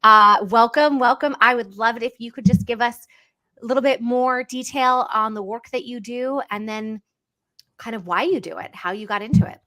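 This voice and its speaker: A woman's voice: on the high side, moderate pace, bright, forceful tone. Female livestream host, casual and enthusiastic, talking from one corner of a numbed mouth. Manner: speaking out of the side of the mouth, numb from dental work. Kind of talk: livestream interview introduction, casual chat.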